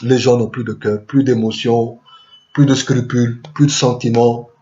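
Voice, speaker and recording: A man's voice: mid-range voice, little pitch movement, moderate pace, mellow. A man spins a comic tale in a rambling, chatty way, piling up lists of words and throwing in asides to the listener. His voice sits in a middle range, and the recording is dull and lo-fi. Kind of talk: comic storytelling monologue.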